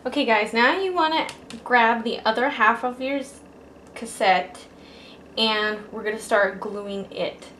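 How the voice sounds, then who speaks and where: At a measured pace and in a pushed, bright, fairly high voice, a woman hosts a casual craft tutorial. She talks her viewers, whom she calls "guys," informally through each step while faint background noise sounds in the echoey room.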